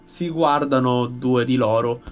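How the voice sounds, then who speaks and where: A young man narrating a tabletop game as game master, halting as he searches for words. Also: medium pitch, fairly even intonation, faint music behind. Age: young adult. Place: indoor room, online group stream.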